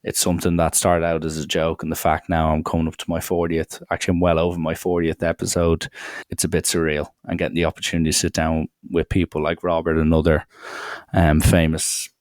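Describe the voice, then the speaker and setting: A man with a very low, deep voice hosts a casual podcast interview, earnest and a little rambling, full of ums and restarts. The sound is dry and close, with no room echo. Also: completely flat delivery, fairly quick, a little mellow. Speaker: podcast host.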